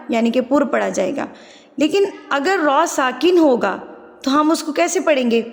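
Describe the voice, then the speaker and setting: A woman with a Pakistani Urdu accent gives a patient tajweed lesson. Her voice sits high, and she drawls the recited words slowly. A long reverb trails after each line. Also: creaky. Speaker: Quran recitation teacher.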